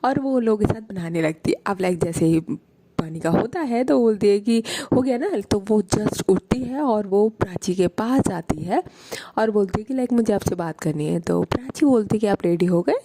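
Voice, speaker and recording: A woman's voice: medium pitch, lively intonation, normal speed, mellow, a little hiss or hum. A young woman narrating a romance story in a chatty, conversational way with dramatic asides.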